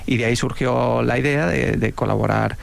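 A man's voice: mid-range voice, moderate pace, gravelly, dry recording. A man representing a music school, answering interview questions hesitantly with many fillers.

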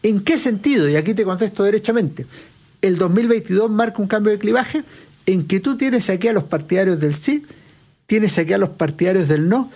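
A man with a notably high voice, speaking as an analyst in an interview. He explains at length in a lecturing manner, raising his own questions and answering them point by point. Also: animated, fairly quick, darkish tone. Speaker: political analyst guest.

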